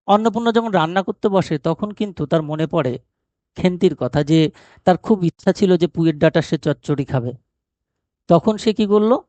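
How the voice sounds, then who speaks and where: In a didactic lesson retelling a short story, this man asks rhetorical questions and then answers them. His high-pitched voice is a little mellow, with no room sound.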